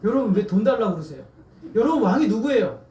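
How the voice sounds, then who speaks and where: A man's voice: high voice, sing-song, fast, dark tone, a little hiss or hum. A man preaching a sermon as pastor, asking the congregation questions and having them answer back. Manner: asks the congregation questions and has them repeat words. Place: church sanctuary. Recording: echoey church from far off.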